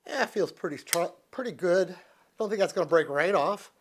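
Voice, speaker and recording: With a high, expressive voice at normal speed, an American man in his sixties reviews a product, chatting casually and unscripted as he thinks aloud. He's folksy and easygoing, sitting indoors in a living room with a couch. Background noise can be heard.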